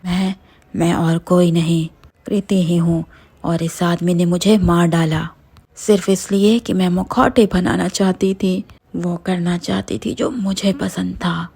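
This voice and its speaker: A woman's voice: fairly low pitch, fairly even intonation, a little slow, gravelly, mellow, husky, full character voice. A woman voicing the vengeful spirit of a murdered young wife, now a three-headed witch, in a cartoon horror story, speaking in a cold, accusing tone.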